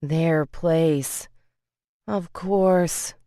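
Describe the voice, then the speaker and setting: A woman reading a romance audiobook in a steady, even storytelling voice. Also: low-pitched, extremely slow, no echo, studio quality. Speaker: audiobook narrator. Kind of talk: scripted romance narration.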